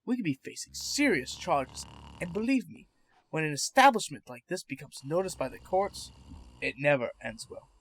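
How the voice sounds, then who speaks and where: A man's voice: fairly high pitch, very animated, moderate pace, fairly bright tone, heavily acted. A man voicing a stern, clinical hospital psychiatrist with an authoritative manner in an audio drama. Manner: authoritative, coldly curious.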